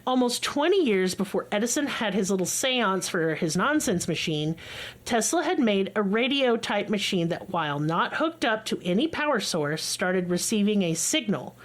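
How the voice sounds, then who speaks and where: Blunt, excitable woman podcast host. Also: mid-range voice, moderate pace. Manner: blunt, excitable storytelling with swearing. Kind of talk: casual chat.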